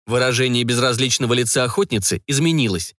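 A man narrating a dark fantasy story in a steady, expressive audiobook reading. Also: medium pitch, fast talker, no echo, clean studio sound.

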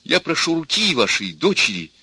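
A man's voice: on the high side, very animated, moderate pace, vocal fry, bright, forceful tone, husky, no room sound, pitched above the performer's own voice, heavily acted. A man voicing a nervous, eager young student suitor who makes speeches. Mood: earnest.

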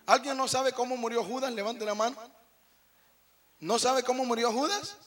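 A man's voice: extremely high pitch, moderate pace, a bit bright. A man with a Mexican accent preaching a sermon in a folksy, conversational way, often calling his listeners brother.

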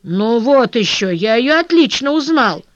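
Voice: mid-range voice, very animated, unhurried, no echo. A narrator reading the lines of a sly, scheming male crook in an audiobook, with a secretive, insinuating manner. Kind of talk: audiobook character voice. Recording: dull dry lo-fi recording.

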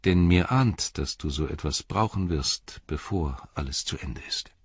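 A man's voice: a bass voice, animated, unhurried, husky, no echo, highs cut off, exaggerated voice. A man reading as an earnest noblewoman. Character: noble young woman, calm and earnest.

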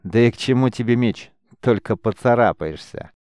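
A man doing an arrogant veteran warrior in an audiobook, taunting and swaggering with every line. The reading is smooth and dry, close to the mic. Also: medium pitch, moderate pace, darkish tone, no echo, close to an everyday voice. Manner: mocking, swaggering. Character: mocking, arrogant veteran male warrior captain. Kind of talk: audiobook character voice.

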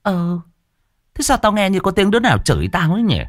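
A man's voice: high voice, sing-song, normal speed, fairly bright tone, pitched above the performer's own voice. A man voicing a cruel, sneering landlord's wife who scolds and picks fights. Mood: scornful.

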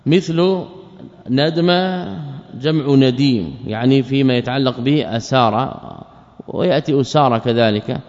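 A man's voice: medium pitch, a little mellow. A man giving an explanatory religious lesson as a scholar, working methodically through word forms and asking himself questions before answering. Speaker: Islamic scholar teaching a creed text. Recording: dull lo-fi audio with long reverb.

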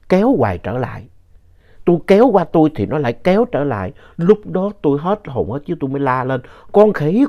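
A male storyteller reads out letters sent in by listeners. His voice climbs and swoops through the tense moments of each tale. The recording sounds dull and lo-fi. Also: medium pitch. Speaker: ghost story narrator reading listener letters.

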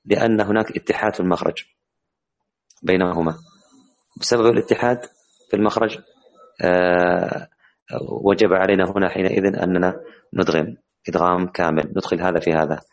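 Gravelly low-voiced man teaching recitation. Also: steady tone. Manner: hesitant, many drawn-out fillers while explaining. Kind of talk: online class teaching Quran recitation rules.

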